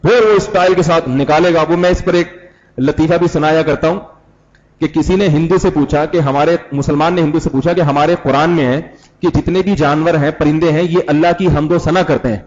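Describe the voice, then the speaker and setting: A man's voice: fairly high pitch, steady tone, darkish tone. Man, sermon, conversational, quizzes listeners, acts out examples, dull lo-fi audio. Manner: conversational, asks the audience questions, acts out examples. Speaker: preacher.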